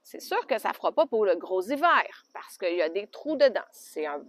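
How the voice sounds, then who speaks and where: A woman with a Québécois French accent chatting casually in a knitting podcast, homey and loose, with soft laughs. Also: medium pitch, very animated, moderate pace. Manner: chatty, homey, often laughs softly and adds little fillers. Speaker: knitting podcaster and alpaca farmer. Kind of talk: casual show-and-tell chat. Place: outdoors by an alpaca pen.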